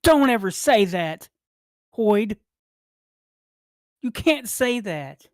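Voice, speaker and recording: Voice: mid-range voice, lively intonation, drawn-out words, no echo, clean studio sound, voice pushed up. A game master doing a desperate teenage brother. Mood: pleading. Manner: yelling, pleading.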